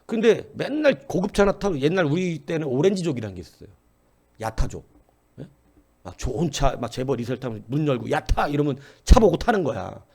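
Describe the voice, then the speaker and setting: A man's voice: a little high, very animated, a little fast, gravelly, darkish tone. A middle-aged man teaching a church history sermon in a conversational way, often asking the congregation questions and acting out quoted voices. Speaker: pastor.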